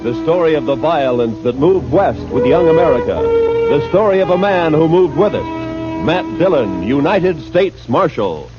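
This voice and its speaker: A male announcer giving a booming, declamatory show opening. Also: animated, moderate pace. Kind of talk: dramatic radio announcing. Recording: muffled old radio broadcast. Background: loud theme music.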